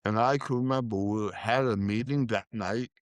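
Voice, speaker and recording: A man's voice: on the low side, normal speed, no echo. A middle-aged man, a guest telling his life story and acting out the quoted voices. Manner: emotional storytelling, acts out quoted dialogue. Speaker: podcast guest. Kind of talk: storytelling interview.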